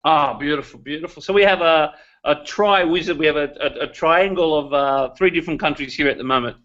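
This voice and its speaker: A man with a fairly high voice hosts a live interview in a casual style. He feels his way through questions, rephrasing as he goes, and the audio is slightly dull. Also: a little fast, a bit bright. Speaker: host.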